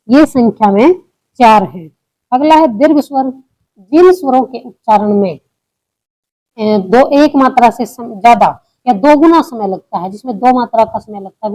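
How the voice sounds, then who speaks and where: A woman's voice: fairly high pitch, warm tone, poor audio. Woman teaching a Hindi grammar lesson. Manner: explains step by step, repeats questions and answers them.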